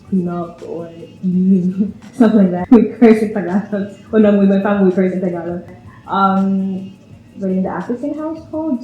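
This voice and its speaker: A Viennese woman in her twenties speaks in a warm, lowish voice, chatting casually and giggly during a personal interview and often laughing. The lo-fi sound has a roomy echo with faint music behind.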